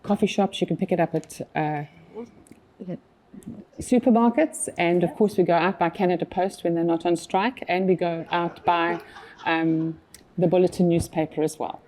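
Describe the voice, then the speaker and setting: A magazine publisher from South Africa, a woman in her fifties, talks casually as an interview guest in her native accent, often filling pauses and restarting. Her voice is on the low side and a little mellow, with fairly even intonation and a moderate pace.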